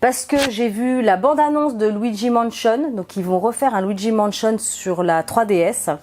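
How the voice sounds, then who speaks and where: A woman's voice: on the high side, normal speed, a little mellow. A young woman hosting her own gaming vlog, chatting enthusiastically and giggling often. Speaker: gaming vlogger. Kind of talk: casual vlog chat.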